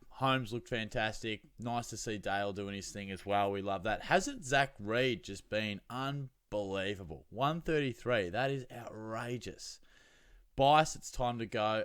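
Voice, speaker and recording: Aussie bloke doing a casual footy fantasy show, lowish voice, very dry sound, lots of laddish slang. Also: male voice, fairly bright tone, smooth, no room sound. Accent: Australian. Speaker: fantasy football show host. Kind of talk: casual solo chat with anecdotes.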